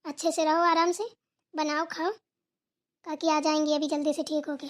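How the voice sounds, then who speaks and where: A woman's voice: sits high, little pitch movement, moderate pace, lightly acted. A woman voicing a polite, reassuring young girl in a village cartoon. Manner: soothing, polite. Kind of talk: cartoon voice acting.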